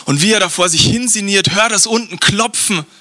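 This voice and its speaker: Bright-voiced man telling a Bible story. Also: high voice, no room sound. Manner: vivid and theatrical, slowing for effect. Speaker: preacher. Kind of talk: dramatic Bible story retelling.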